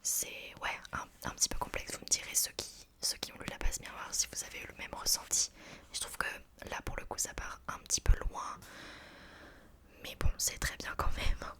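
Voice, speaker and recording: A woman speaking in a soft, breathy library whisper, chatting informally in an ASMR book review style. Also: moderate pace.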